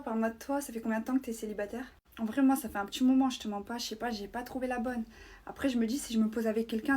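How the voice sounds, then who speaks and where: A woman acting out comedy sketches with several characters, trading quick, slangy, bickering lines. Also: a little high, darkish tone.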